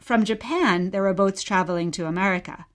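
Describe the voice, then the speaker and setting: Speaking a little fast in a mid-range voice close to everyday speech, a woman voices a wistful mother reminiscing about exile. It's a short radio play dialogue framed as bedtime storytelling, and she tells her story simply.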